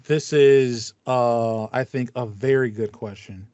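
A man in his thirties co-hosts a podcast over a video call from a small home room with foam panels, chatting casually about video games. His mid-range voice is slow, a little mellow, and fairly even, and he stresses points emphatically by repeating himself. The dry recording sounds slightly dull and band-limited.

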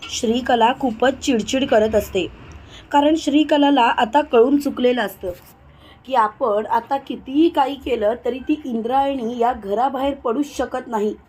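A woman narrator recaps a TV serial episode in a steady, plain storytelling manner. She links each scene with the same phrases, in a high voice. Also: measured pace, husky.

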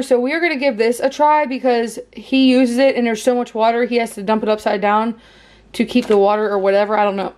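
This young vlogger from Pennsylvania shows off her grocery haul in her kitchen at home, holding the camera at arm's length and chatting casually. Her voice sits on the high side and is a little mellow, and her manner is bubbly, teasing and talkative.

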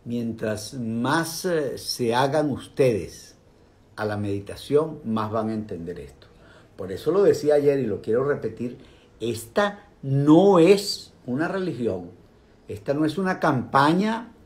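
An older man gives a casual, animated talk on meditation, speaking directly to his viewers. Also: mid-range voice, slow pace. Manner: animated, speaks directly to viewers, asides and vocal sound effects.

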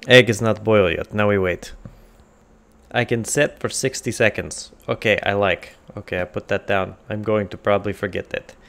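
A man's voice: on the low side, steady tone, normal speed, creaky, a bit bright. A man casually narrating a cooking game in a put-on comic Russian accent, dropping articles and joking to himself as he goes. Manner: rambling, jokey, talks to himself while cooking. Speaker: gamer playing a cooking game. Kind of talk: casual gameplay commentary.

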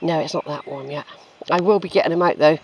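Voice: medium pitch, quick pace. Chatty walking vlogger musing aloud, noisy outdoor recording. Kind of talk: rambling casual commentary while walking. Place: outdoors on a woodland track. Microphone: handheld camera's built-in microphone. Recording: outdoor handheld recording with clear noise.

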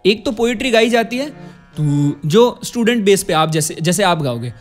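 A man teaching classical singing in a high, very animated voice that climbs and dips freely. He explains patiently, poses rhetorical questions and slips into brief sung examples, with faint music playing behind him. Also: moderate pace. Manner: asks rhetorical questions to the student.

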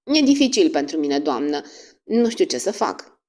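A fussy, formal middle-aged detective with courteous, measured speech, read by a woman narrator. The voice sits low, dark and mellow, but the lines still rise and fall a lot. It is read like an audiobook character. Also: big pitch swings. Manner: polite and measured.

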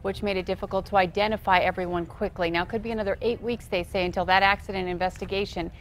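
A woman's voice: mid-range voice, fairly even intonation, quick pace, a little hiss or hum, poor audio. A middle-aged woman reading scripted news as an anchor in a TV studio.

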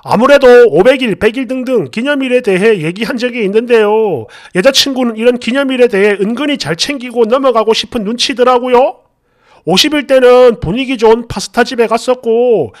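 Male storyteller, very high pitch, casual chatty first-person story narration. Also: a little fast. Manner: casual, chatty retelling with conversational fillers. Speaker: storyteller reading a viewer's submitted story.

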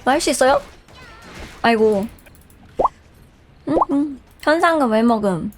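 A woman's voice: high voice, animated, a little slow, background noise. A young woman streaming a game, chatting playfully and teasing her viewers and teammates. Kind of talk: live game streaming chat.

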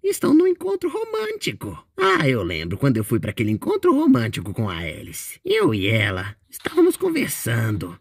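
Mischievous male ink demon, played by a fan performer, gravelly and husky, wildly swooping pitch. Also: huge pitch swings, normal speed, few pauses, no room sound, full character voice. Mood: playful. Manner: playful, boastful, exclaims often. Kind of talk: in-character gaming commentary.

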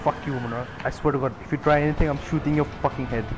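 A man's voice: medium pitch, steady tone, racing, music in the background. A man commenting casually on a game, swearing, laughing and acting mock-betrayed. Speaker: gaming streamer.

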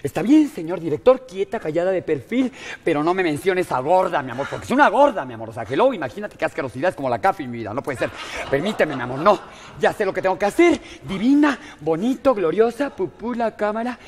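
Fast-talking and sing-song, her fairly low, slightly mellow voice fills a big room. She's a comedy performer with a Mexican Spanish accent, playing a vain, dramatic blonde actress in a live sketch who huffs like a diva, gushes campily, and peppers lines with "mi vida" and "hello."

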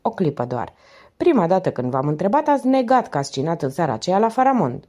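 A woman lowers her voice for a steady middle-aged police inspector in an audiobook, calm and measured as he questions witnesses. The tone is lower and softer than her narration.

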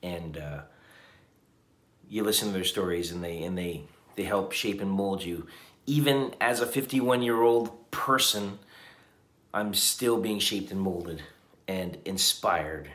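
A man's voice: sits low, slow, a bit bright, echoey room. Tired fifty-something man vlogging from a hotel room. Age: 50s. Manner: reflective, earnest, with frequent restarts. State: tired at the end of a long day. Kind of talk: casual vlog talk to camera. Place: hotel room at night, indoors. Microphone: camera on a table at arm's length.

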